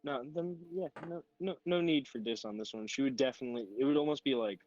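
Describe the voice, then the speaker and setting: A man's voice: medium pitch, quick pace, darkish tone, dull audio. A man player talking casually and hesitantly, often apologizing. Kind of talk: casual chat at a tabletop game.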